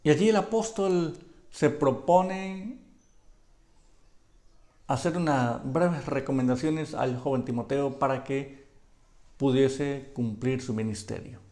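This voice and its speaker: A man preaching a sermon, asking his listeners rhetorical questions and dropping to a hush when he quotes scripture. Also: medium pitch, slow pace, long pauses.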